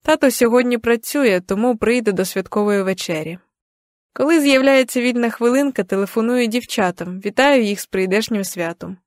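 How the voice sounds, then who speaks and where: A young adult woman narrating an audiobook in the first person, with even, gentle storytelling. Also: a little high, moderate pace, dry recording, clean studio sound.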